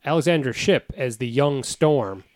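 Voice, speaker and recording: A man's voice: medium pitch, animated, normal speed, dry recording. A man co-hosting a casual podcast chat in a studio, with jokey, sarcastic asides. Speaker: podcast co-host. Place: recording studio.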